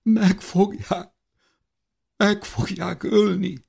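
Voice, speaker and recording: A man's voice: high-pitched, fairly even intonation, creaky, darkish tone, breathy edge, voice pushed up, heavily acted. A man voicing a terrified little girl who sobs in a breaking voice. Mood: sobbing fear. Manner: sobbing, breaking voice. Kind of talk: audiobook character voice.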